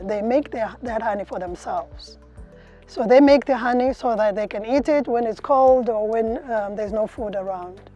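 A middle-aged woman beekeeper with a slightly high, warm voice answers interview questions outdoors in an orchard. She explains things with frequent fillers and restarts.

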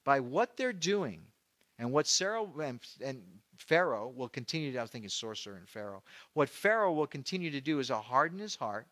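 A man's voice: medium pitch, sing-song, brisk, fairly bright tone, no echo. A middle-aged male pastor teaching through a Bible passage verse by verse, in a conversational way that acts out the people he quotes. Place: church.

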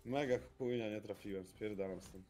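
A man in casual gaming voice chat, swearing and firing off rapid tactical callouts to his teammates. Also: fairly low pitch, a crowd in the background. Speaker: game teammate.

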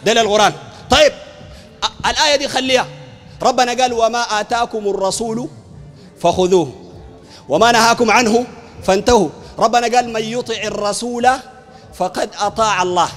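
High, fast Sudanese preacher shouting in debate. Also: male voice, big-room sound, faint music behind. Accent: Sudanese Arabic. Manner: emphatic, often shouting, repeats phrases. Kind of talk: heated public debate. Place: university hall.

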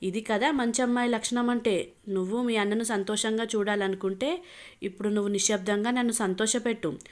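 A woman's voice: a little high, fairly even intonation, a little fast, close to an everyday voice. A woman voicing a cruel, vengeful young husband who talks in a cold, taunting, menacing way.

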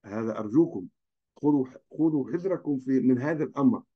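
A man's voice: medium pitch, fast. Male lecturer, earnest cautionary delivery, muffled lo-fi recording. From Libya. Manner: earnest, cautionary, pleads with students.

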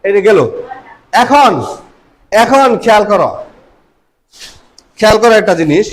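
A man's voice: high voice, lively intonation, a little slow, rough recording. A man teaching a reading lesson, repeating letter sounds and checking that the students follow. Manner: repetitive, checks understanding with questions.

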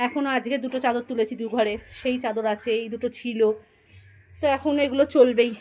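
A woman's voice: on the high side, fairly even intonation, fairly quick, reverberant, low-quality recording. A woman chatting casually to her viewers as she walks around her home and does chores. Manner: chatty, addresses viewers as friends; talks softly at times, walking around the home. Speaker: vlogger, homemaker. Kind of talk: casual vlog chat to viewers. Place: home, indoors.

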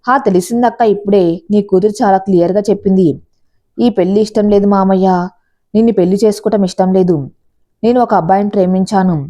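A woman's voice: mid-range voice, fairly even intonation, fast talker, mellow, natural voice. A woman voicing an angry, jealous young man who scolds his fiancée with sarcasm. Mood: angry, sarcastic.

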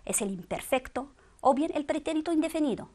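A woman's voice: high voice, animated, fairly quick, darkish tone. A woman teaching a grammar lesson, drilling verb forms one by one with patient quiz questions. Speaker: Spanish teacher.

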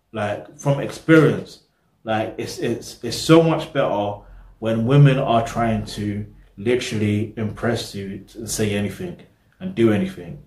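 A man's voice: medium pitch, darkish tone. Rambling young man, roomy echo. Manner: rambling, loses his train of thought, repeats "get me". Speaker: reaction video host. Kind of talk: casual commentary to camera. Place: small room indoors.

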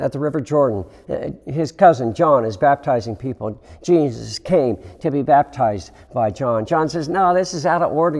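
Man, pastor, sermon, unhurried delivery, gravelly voice, long church-hall reverb. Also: fairly high pitch. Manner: slow, reflective preaching with dramatic pauses and hushed emphasis. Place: church sanctuary.

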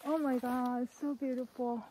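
A woman's voice: high-pitched, level tone, a little slow, mellow, a little hiss or hum. A middle-aged woman chatting on a forest hike, often exclaiming and laughing, with simple non-native phrasing, recorded outdoors on a handheld phone. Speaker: vlog host. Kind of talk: casual hiking chat.

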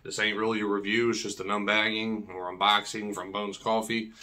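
A man's voice: lowish voice, level tone, fairly quick, bright, forceful tone. Man with whistling s, casual unboxing chat. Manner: slangy, repeats himself. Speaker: coffee review vlogger. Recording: clear background noise and clicks.

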